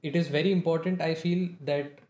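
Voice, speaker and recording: Man, slightly high voice, casual discussion, emphatic, agreeable, echoey room. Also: steady tone, brisk, a little mellow. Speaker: motorcycling talk participant. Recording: roomy, echoing room sound.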